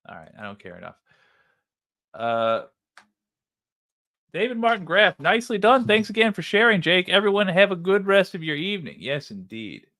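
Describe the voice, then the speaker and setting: A man's voice: high-pitched, very animated, normal speed, pauses often, sharp tone, no echo. A man hosting a livestream with casual, crude, sardonic commentary while reading out viewer comments. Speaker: livestream host.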